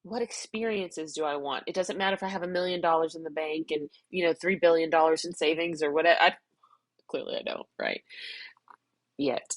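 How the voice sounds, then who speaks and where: A middle-aged woman vlogs while crying, her nose stuffed, rambling and self-reflective as she works through her emotions out loud. Her deep voice moves briskly, with no echo.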